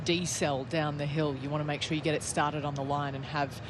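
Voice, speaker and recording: A man with a slightly high voice gives golf commentary as an analyst, talking through play in a conversational way. Noticeable open-air course noise sits behind him. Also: little pitch movement, brisk. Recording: clear outdoor background noise.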